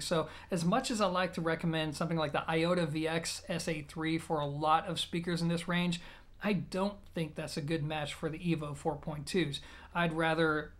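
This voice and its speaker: In a small plain-walled room indoors, an audio gear reviewer talks to camera about a product in a relaxed, methodical, conversational way. His voice is on the high side with a fairly bright tone.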